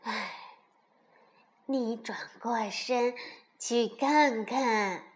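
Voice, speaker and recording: A woman's voice: on the high side, extremely slow. A woman voicing a sensible little rabbit. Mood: calm. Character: sensible young rabbit, easily annoyed.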